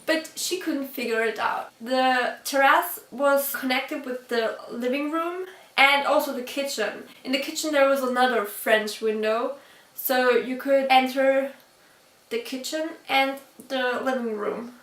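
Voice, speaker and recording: A woman with a high, light voice tells a story to her camera, chatty and quick to laugh between sentences. She stops now and then to check how she pronounces a word. She sits back from the mic, and her voice carries the echo of a roomy space. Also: a bit bright, far from the mic. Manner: checks her own pronunciation aloud. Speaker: vlogger. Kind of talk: storytime vlog.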